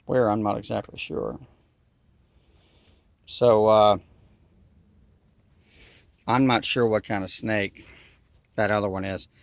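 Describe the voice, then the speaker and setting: Southern guy w a nasal twang, lots of fry in his voice, folksy drawl, just chatting on a camera outside. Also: lowish voice, steady tone, slow, long pauses, dry recording. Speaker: outdoor video maker. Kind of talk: casual chat to camera. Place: outdoors in river bottoms.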